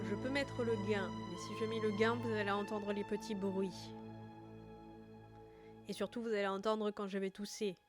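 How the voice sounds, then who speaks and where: A hoarse young woman with a put-on southern French accent, chatting casually and self-mockingly as game master of a live-streamed game, with music playing behind her. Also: mid-range voice, fairly even intonation, moderate pace. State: hoarse, broken voice after illness. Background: background music.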